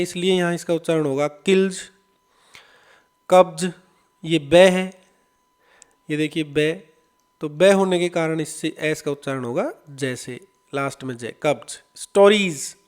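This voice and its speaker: Male teacher, patient classroom explainer, smooth and slightly high voice. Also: a little mellow. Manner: patient, repeats words slowly for students. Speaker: English teacher. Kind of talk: explaining an English lesson in Hindi.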